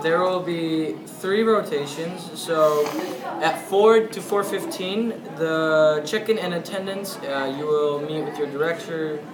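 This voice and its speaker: A male co-host reading out school announcements in an informal, conversational way. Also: fairly high pitch. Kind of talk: casual announcements, reading details. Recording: echoey room, clear background noise.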